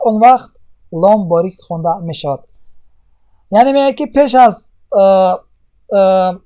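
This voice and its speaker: A man patiently explaining Quran recitation rules in a lesson, repeating points with many pauses. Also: sits high, dark tone. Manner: patient, repetitive teaching with many pauses and fillers.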